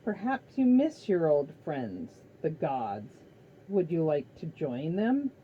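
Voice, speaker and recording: A woman's voice: low voice, big pitch swings, slow pace, full character voice. A woman voicing a menacing ancient male Titan lord who commands and hisses threats, in a dull lo-fi recording. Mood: commanding.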